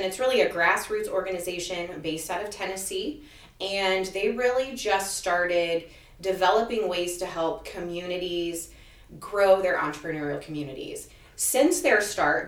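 A woman co-hosting a podcast, chatting casually and laughing easily while explaining programs. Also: lowish voice. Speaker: podcast co-host and program facilitator. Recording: echoey room, mic at a distance.

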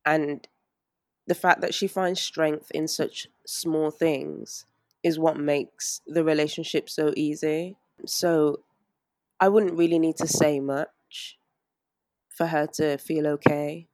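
A woman, an interview guest talking anxiously in a halting way with many fillers and restarts. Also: low voice, steady tone, darkish tone, no echo, studio quality. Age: 20s. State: anxious and strained. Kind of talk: emotional interview.

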